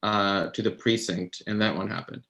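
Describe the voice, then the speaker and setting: A man's voice: fairly low pitch, fairly even intonation, moderate pace, fairly bright tone. A man interviewing a guest on a livestream, conversational and prompting with questions.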